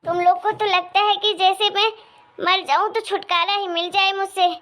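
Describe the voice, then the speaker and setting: Woman doing a nagging sick saas, bitter and whiny, high cartoon voice. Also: level tone, moderate pace, a bit bright. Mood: scolding. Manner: bitter and scolding. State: feverish and in pain. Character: harsh, complaining middle-aged mother-in-law. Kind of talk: cartoon story voice acting.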